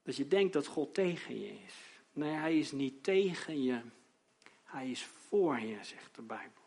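Male preacher, fairly high-pitched, dramatic sermon delivery with loud emphatic peaks. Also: expressive, unhurried, husky. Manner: dramatic, rising to loud emphatic outbursts when quoting.

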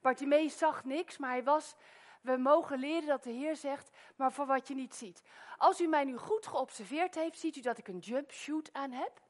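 A middle-aged woman from the Netherlands preaching a sermon in a church, telling stories with loud exclamations and wearing a microphone. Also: sits high, moderate pace. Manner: lively storytelling, loud exclamations, soft-spoken prayer. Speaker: guest preacher.

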